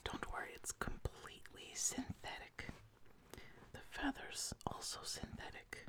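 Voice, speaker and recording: A woman's voice: measured pace, close to an everyday voice. A woman in a whispered role-play as a fantasy tailor, musing hesitantly as she talks a client through a garment design. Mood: musing, reassuring.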